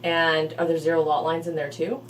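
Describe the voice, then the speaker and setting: A woman's voice: deep voice, little pitch movement, fairly quick, far from the mic, faint music behind, rough recording. A woman hosting a casual interview, chatty, with lots of follow-up questions. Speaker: real estate video host.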